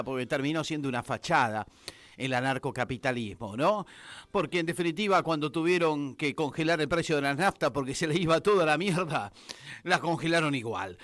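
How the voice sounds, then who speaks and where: A man with an Argentine accent hosting a political radio show, emphatic and filling pauses with "eh" and "este". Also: fairly high pitch, fairly bright tone, no room sound. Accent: Argentine Spanish. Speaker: radio host. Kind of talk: political radio commentary and interview.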